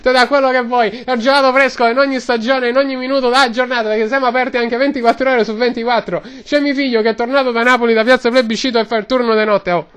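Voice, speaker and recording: A man's voice: extremely high pitch, flat delivery, fast talker, hardly any pauses, fairly bright tone, clear, resonant tone. A man voicing a chatty Roman ice-cream seller in a radio comedy sketch, rambling and ending lines with tag questions, with a Roman accent. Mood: boastful. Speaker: comic guest figure.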